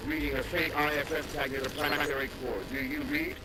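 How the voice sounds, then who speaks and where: A man's voice: a little high, fairly even intonation, brisk, heavy background noise. A man playing a starship communications officer, speaking in clipped military radio procedure through a glitchy, breaking-up radio transmission. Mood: urgent. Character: terse male naval comms officer, businesslike. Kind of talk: video game cutscene acting.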